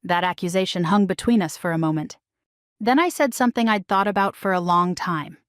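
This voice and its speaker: A middle-aged woman narrating a first-person story in a calm, measured way. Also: medium pitch, dry recording, studio quality. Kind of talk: scripted narration.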